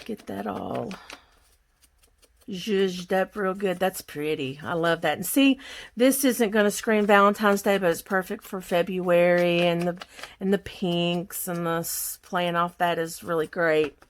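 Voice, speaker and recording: A woman's voice: lowish voice, a little slow, slight background noise. A woman from Kentucky with a Southern accent, chatting casually and rambling folksily as she walks through a craft project at her home work table. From Kentucky, USA. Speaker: craft vlogger. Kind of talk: casual crafting tutorial chat.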